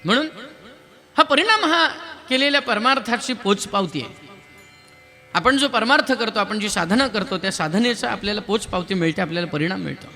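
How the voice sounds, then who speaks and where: A male devotional preacher delivering a lively sermon, teasing and quizzing his live audience. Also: high-pitched, fairly quick, faint music behind. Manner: lively, quizzes and teases the crowd, counts raised hands. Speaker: kirtan preacher.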